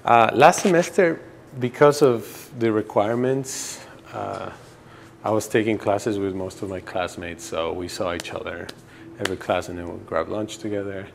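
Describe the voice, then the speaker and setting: A gravelly, fairly low male voice with a little hiss or hum comes from a twenty-something Ecuadorian grad student giving a campus tour. Speaking at a moderate pace in a relaxed documentary-style interview, he drifts from point to point with frequent fillers and restarts.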